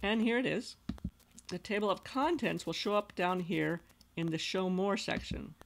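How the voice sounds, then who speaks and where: A woman with a gravelly, fry-edged voice talks through a software tutorial as a screen-capture voice-over. She explains each step patiently and plainly, as an instructional designer would. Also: medium pitch, lively intonation, normal speed, a little hiss or hum. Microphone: voice-over recorded over screen capture.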